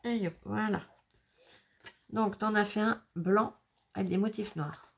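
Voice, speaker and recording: Chatty woman with gravelly voice. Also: medium pitch, unhurried. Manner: chatty, laughing often, exclaiming over crafts. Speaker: scrapbooking vlogger. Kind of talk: casual unboxing chat.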